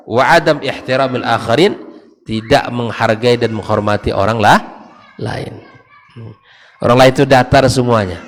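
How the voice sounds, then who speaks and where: A man, giving an unhurried Islamic study lecture. He explains Arabic quotes in plain everyday speech and puts questions to his listeners. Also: medium pitch. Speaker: ustadz giving a study talk. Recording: long hall reverb.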